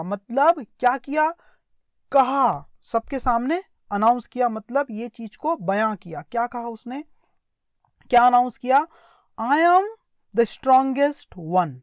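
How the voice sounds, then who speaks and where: An English teacher with an Indian accent gives a translated story lesson, going phrase by phrase and often repeating herself to check understanding. Her voice is on the high side, and the recording is dry and studio-clean.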